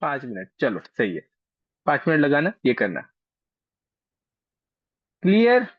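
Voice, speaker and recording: A man's voice: fairly high pitch, wildly swooping pitch, unhurried, no room sound. A man teaching an online astrology class in a casual, chatty way, coaxing and teasing his students, heard over a video call. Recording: dry, dull lo-fi call audio.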